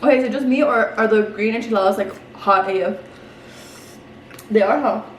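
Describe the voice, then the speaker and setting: A woman's voice: fairly high pitch, brisk, roomy sound, slight background noise. A young woman from El Paso chatting casually on her vlog over a meal, slipping Spanish words into her English. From El Paso, Texas. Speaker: beauty vlogger. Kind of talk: casual chat during a mukbang. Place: home room set up as a small studio.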